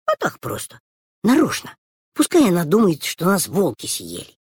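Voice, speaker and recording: A woman's voice: fairly low pitch, wildly swooping pitch, normal speed, darkish tone, breathy edge, dry recording, clean studio sound, heavily acted. A woman voicing a mischievous little girl in a storybook reading, sly and coaxing.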